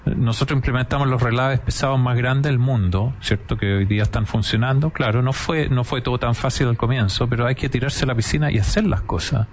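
A man's voice: mid-range voice, a little fast, hardly any pauses, a little hiss or hum. A man with a Chilean accent hosting a conversational interview, talking in an enthusiastic, emphatic, rambling way.

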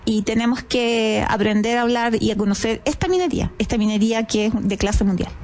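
A woman's voice: on the high side, a little fast, darkish tone. A woman from southern Chile with a Chilean accent, speaking as a ministry guest in an earnest, persuasive conversational way. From southern Chile, Biobío region. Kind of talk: conversational panel talk.

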